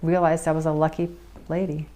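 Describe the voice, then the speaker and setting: A woman's voice: deep voice, little pitch movement, brisk, dark tone. An older woman answering interview questions in a plain, candid, conversational way. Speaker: interviewee, survivor.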